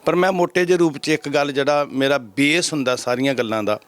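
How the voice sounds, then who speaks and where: A man from Punjab, India, serving as head granthi and answering interview questions in a measured, preaching cadence. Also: on the high side, clean tone.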